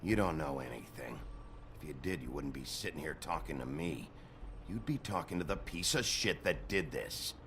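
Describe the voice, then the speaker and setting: Bigby, a very deep gravelly sheriff. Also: male voice, lively intonation, normal speed, noisy background. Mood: defiant. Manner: sardonic, confrontational, swearing. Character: gruff, bitter male sheriff under arrest, short-tempered. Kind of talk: video game acting.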